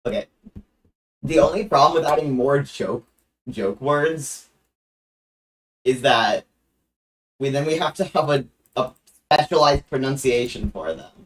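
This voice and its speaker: A young adult streamer chatting casually on a livestream, halting with frequent restarts and joking in a deadpan way. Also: medium pitch, low-quality recording.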